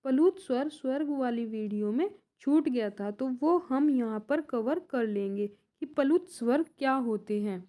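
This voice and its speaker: A woman's voice: sits high, lively intonation, warm tone. A young woman teaching an exam-prep grammar lesson, who asks a question and then answers it herself. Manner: slow, repeats points as questions and answers.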